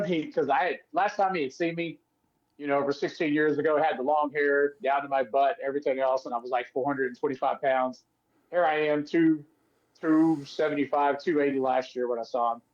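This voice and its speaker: A man's voice: on the high side, highs cut off. A man co-hosting a podcast, telling stories in a casual chat and acting out the voices of people he quotes. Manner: animated, acts out quoted voices. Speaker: podcast co-host, former wrestler.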